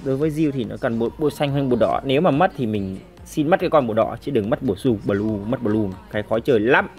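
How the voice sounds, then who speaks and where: A woman giving lively gameplay commentary as a mobile game streamer, chatting to viewers and making shooting sound effects. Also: rumbling low, quick pace, faint music behind.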